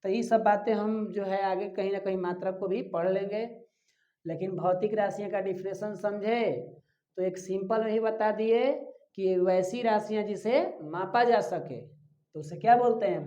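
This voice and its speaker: A man's voice: high voice, dark tone. A male physics teacher, giving a classroom-style lecture and asking questions he then answers himself while repeating key terms. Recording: echoey room, dull lo-fi sound.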